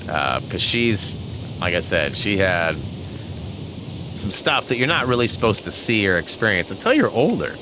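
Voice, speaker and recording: 40s guy, deep voice, bouncy intonation, rambling game chat with lots of um and like. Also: sing-song, measured pace, noisy background. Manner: rambling, chuckling, with many fillers. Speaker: gaming channel host. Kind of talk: casual chat over gameplay.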